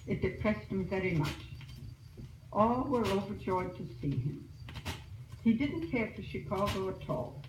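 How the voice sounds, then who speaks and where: Heard on a noisy, echoey old disc recorded from afar with a distant mic, an Australian woman speaks at a measured pace in a mid-range voice. Her spoken letter to family back home is chatty and full of news.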